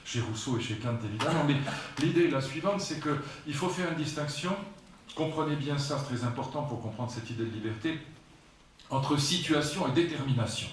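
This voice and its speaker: A Frenchman in his sixties delivers a public philosophy lecture, digressing often, speaking emphatically and tossing asides to the audience. His voice is mid-range at a moderate pace, with a bit of hiss or hum. The lecture hall is very echoey, and he is picked up from far away.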